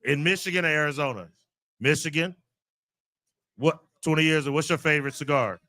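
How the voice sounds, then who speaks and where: A man's voice: on the high side, no echo. A man hosting a podcast, chatting casually and quizzing his co-hosts on their picks. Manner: relaxed banter, running through picks with quick questions. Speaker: podcast host. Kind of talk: casual chat.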